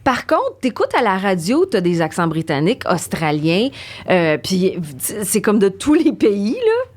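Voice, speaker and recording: A middle-aged woman with a Québécois French accent, a guest in a casual talk, recounting stories briskly. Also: medium pitch. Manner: brisk anecdotal, lively recounting. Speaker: guest actress. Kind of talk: casual conversation.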